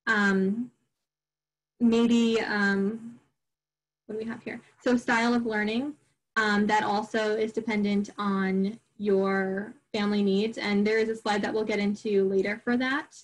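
A woman's voice: medium pitch, little pitch movement, a little slow, low-quality recording. Middle-aged woman presenting to parents; casual, rambling delivery with fillers. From Long Island, New York. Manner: chatty, many fillers and restarts. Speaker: homeschool group presenter. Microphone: recorded online program.

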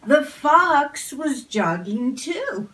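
A woman reading a picture book aloud in a slow, gentle storytelling manner. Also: sits high, sing-song, recorded from a distance. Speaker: storybook reader.

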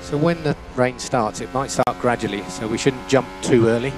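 Through a team radio transmission with noise in the background, a man working as a race engineer gives clipped, matter-of-fact directions and says the important phrases more than once. His pitch sits in the middle and his speed is normal.

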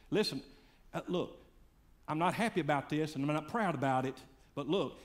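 A man preaching a sermon, swinging between loud fiery calls and hushed, quiet lines. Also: a little high. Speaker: pastor.

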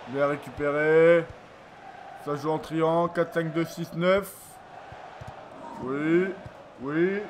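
Excitable gamer with a higher voice. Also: male voice. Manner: excitable, repeats phrases, lots of ooh-la-la exclamations. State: just woke up, yawning. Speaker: gaming YouTuber. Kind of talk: live commentary over a football video game. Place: home room at a computer. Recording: noisy home recording.

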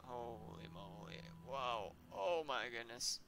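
Excitable man doing game commentary. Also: mid-range voice, slow pace, vocal fry, background noise. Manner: excitable, full of exclamations. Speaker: gaming video host. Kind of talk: casual let's-play commentary. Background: faint game music.

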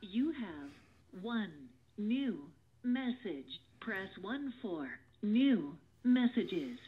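Automated woman's voicemail prompt over a phone. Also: medium pitch. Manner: even, measured automated delivery. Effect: heard over a phone line. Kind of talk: recorded menu prompts. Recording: tinny phone line with faint hiss.

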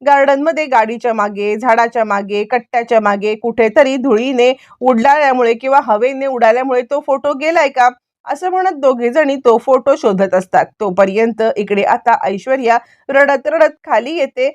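High-voiced woman retelling a serial plot. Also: normal speed, no echo. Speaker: storyteller.

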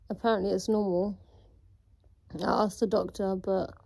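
A woman's voice: medium pitch, little pitch movement, takes it slowly, vocal fry, darkish tone. A young woman vlogging while recovering from surgery, talking to viewers with a shaky, pained voice. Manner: chatty, talks to viewers. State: shaky voice, in pain. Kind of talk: casual vlog.

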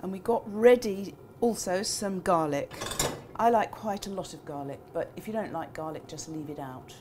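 An older woman with a relaxed, chatty manner, talking through a recipe in a small kitchen. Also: lowish voice, moderate pace, noisy background. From England. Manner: chatty, relaxed asides with frequent ums. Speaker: cookbook author demonstrating a recipe. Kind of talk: casual cooking demonstration. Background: food sizzling in a pan.

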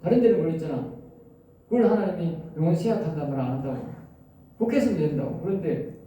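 Dark-voiced man preaching in echoey room. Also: a little high, animated. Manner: keeps quizzing listeners with quick questions. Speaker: preacher teaching at a seminary. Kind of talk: Bible lecture sermon. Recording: very echoey room, mic far off, faint noise.

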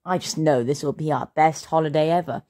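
A woman voicing an optimistic father in a children's storybook reading, a little lower than her usual voice. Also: a little fast, mellow, lightly acted. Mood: upbeat. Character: cheerful optimistic dad.

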